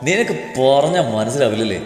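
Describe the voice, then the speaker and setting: A man voicing a short-tempered young husband in a storybook reading, gruffly ordering his wife around. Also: mid-range voice, lively intonation, fairly quick, darkish tone, voice pushed down, natural voice. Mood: angry. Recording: echoey room with long reverb, faint music.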